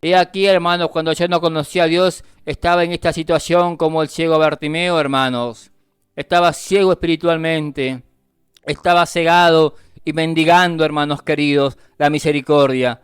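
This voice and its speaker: A man's voice: a little high, fairly even intonation, normal speed, smooth, no room sound, clean studio sound. A male deacon from Argentina preaching a fervent radio sermon, constantly calling his listeners brothers and repeating his phrases. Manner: repetitive, restates phrases.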